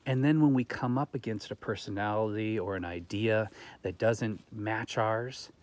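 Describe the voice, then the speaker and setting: A man's voice: on the low side, moderate pace. A man hosting his own gardening channel, talking earnestly to camera from his garden and musing aloud with rhetorical questions. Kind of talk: reflective talk to camera. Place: home garden, outdoors.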